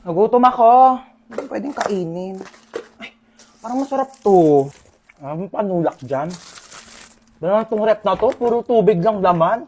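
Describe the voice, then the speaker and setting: A woman's voice: mid-range voice, expressive, a little mellow. Playful woman doing comedy skits. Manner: playful, quick character switches. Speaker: comedy skit creator. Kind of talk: comic sketch acting, switching characters. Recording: noisy home recording.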